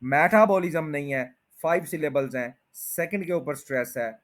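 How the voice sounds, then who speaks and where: Male teacher with a slightly high voice who drills word stress by patient, slow repetition. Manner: repeats each word slowly, stretching out stressed syllables; explains patiently and step by step. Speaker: English pronunciation teacher. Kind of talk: spoken lesson.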